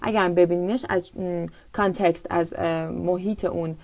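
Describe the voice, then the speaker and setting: Gravelly-voiced woman teaching English. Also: lowish voice, fairly even intonation, darkish tone. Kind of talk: language lesson, explaining in Persian with slow English examples.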